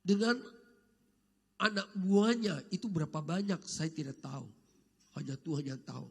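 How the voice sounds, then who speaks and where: A man preaching a Sunday sermon in an emphatic, exhorting manner with a raspy voice, putting repeated questions to the congregation. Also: a little high, normal speed. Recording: echoey hall with long reverb.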